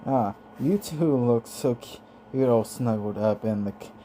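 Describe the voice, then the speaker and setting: A man's voice: medium pitch, measured pace, mellow, a little hiss or hum, lightly acted. A man voicing a cheerful young woman in an amateur audiobook reading, asking sing-song questions. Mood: excited.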